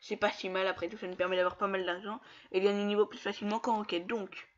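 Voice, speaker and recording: A man commenting casually on his own online matches, taunting opponents and breaking into excited yells. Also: sits high, fast, muffled recording. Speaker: gamer streaming gameplay.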